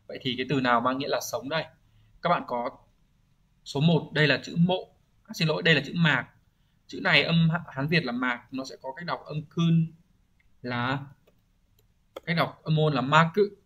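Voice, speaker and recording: Bright-voiced teacher man. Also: on the high side, moderate pace, long pauses, dull audio. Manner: explanatory, often checks with rhetorical questions. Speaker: Japanese language teacher. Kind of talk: exam-prep lesson explaining vocabulary.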